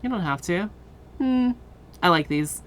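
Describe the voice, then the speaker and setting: A woman streamer chatting casually with her viewers, tired and relaxed, swearing now and then. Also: on the low side, a little slow, slight background noise. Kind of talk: casual chat with live viewers.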